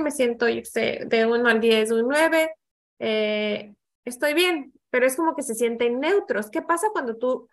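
Talkative woman interviewer, slightly high voice, loose casual phrasing. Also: fairly bright tone. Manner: chatty, rambling with many "o sea" and "como que". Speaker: podcast host.

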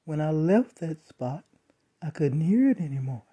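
A storyteller calmly recounting a first-person eerie encounter with measured pauses. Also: medium pitch, husky. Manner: slow, measured retelling with dramatic pauses.

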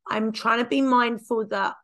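Woman dog-trainer host, slightly high pitch; chatty, self-deprecating. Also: fairly even intonation, normal speed, fairly bright tone. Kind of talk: casual conversational chat.

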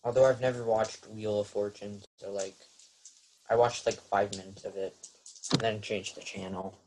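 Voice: low voice, flat delivery, normal speed, noisy background. A player in a tabletop role-playing game chatting casually in a joking, wisecracking way. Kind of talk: casual chat.

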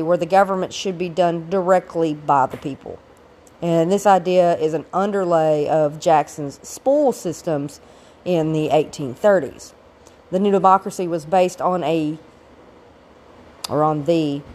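This informal recorded history lecture comes from a teacher whose voice is gravelly and on the low side because she's getting over a cold. She works in explanatory asides as she goes.

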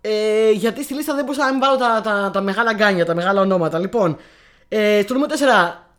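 A woman co-hosting a podcast, chatting enthusiastically about films. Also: mid-range voice. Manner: chatty, enthusiastic, laughs easily. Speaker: podcast co-host. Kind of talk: casual chat about films.

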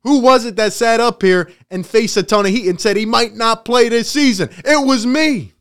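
A man with a high, clear voice rants gleefully about sports. He gloats, laughs often and swings between loud jabs and quieter asides. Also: normal speed. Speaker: sports vlogger. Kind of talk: casual sports rant.

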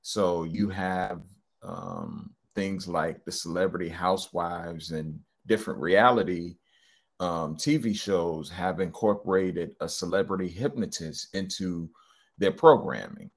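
A man's voice: low voice, expressive, measured pace, creaky. A middle-aged man, a hypnotherapist being interviewed, talking casually and rambling with lots of ums and restarts. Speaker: hypnotherapist guest.

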